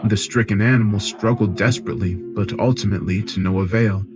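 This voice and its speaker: A man narrating a science fiction horror story in a measured, grave tone, with music behind. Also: on the low side.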